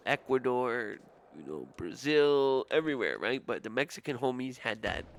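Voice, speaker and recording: Gravelly-voiced profane streamer. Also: male voice, mid-range voice, fairly bright tone, a little hiss or hum. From Italian American. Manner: profane, self-mocking, acts out quotes in voices. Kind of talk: casual ranting monologue.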